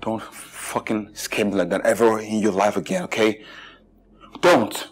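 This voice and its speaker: A man's voice: lowish voice, expressive, unhurried, husky. An actor with a Nigerian accent playing an exasperated, broke young man in a film drama, blunt and sweary. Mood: shaken, angry. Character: exasperated, broke young man scolding his smoking companion. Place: small indoor room.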